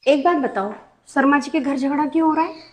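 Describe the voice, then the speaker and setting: A woman's voice: high voice, brisk, noisy background. A woman acting in a comedy skit, chatty and opinionated.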